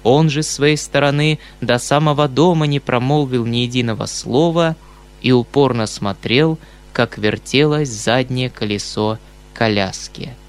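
A man narrating a classic novel in a measured, expressive storytelling voice. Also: mid-range voice, clear, resonant tone. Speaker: audiobook reader.

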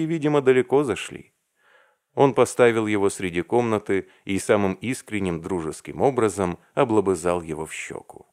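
A man reading a classic novel aloud as narrator, measured and expressive. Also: on the low side. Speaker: audiobook reader. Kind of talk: literary narration.

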